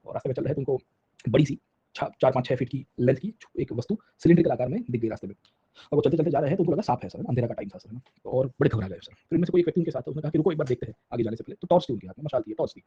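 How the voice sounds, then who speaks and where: Husky fast-talking male lecturer. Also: medium pitch, mellow, highs cut off. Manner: keeps checking in with the class with tag questions; mixes Hindi and English mid-sentence. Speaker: history lecturer. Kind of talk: Hinglish classroom lecture.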